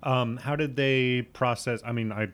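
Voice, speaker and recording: A man's voice: mid-range voice, fairly even intonation, a little slow, a bit bright, clean tone. A man interviewing in casual conversation, asking thoughtful questions with hesitant restarts.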